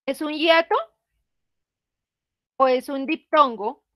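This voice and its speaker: A woman teacher, speaking slowly and patiently to her students. Her voice sits high, and she checks their answers with frequent questions. The recording is close and dry. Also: a bit bright, no echo. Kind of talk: online class explanation.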